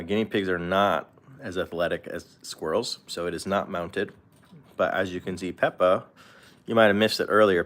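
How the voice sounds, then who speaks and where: A man casually chatting on a livestream while feeding his guinea pigs, rambling and correcting himself with small chuckles. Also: on the low side. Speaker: pet vlogger.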